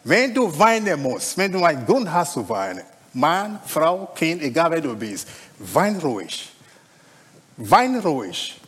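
High, lively preacher in a hall. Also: male voice, a little slow, slightly rough. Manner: conversational preaching, frequent "ja?" tag questions. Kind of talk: sermon.

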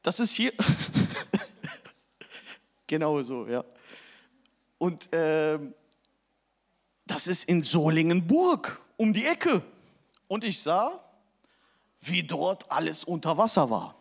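A man preaching a sermon with lively, animated storytelling. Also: on the high side, slow, creaky, long pauses. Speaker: pastor.

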